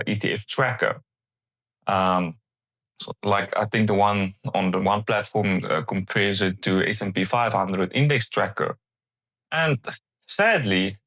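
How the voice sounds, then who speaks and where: A man with a fairly low voice talks to viewers as the host of an informal explainer. He is conversational and plain-spoken, offering advice in everyday language. The sound is dry, with very little room on the voice. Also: fairly bright tone, no echo, rough recording. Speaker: host of an investing series.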